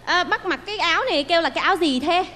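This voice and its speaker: A woman's voice: very high-pitched, racing, bright, forceful tone. A woman with a Northern Vietnamese accent in a stage comedy sketch, playing naive and asking questions. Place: theater stage. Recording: reverberant stage hall, faint music.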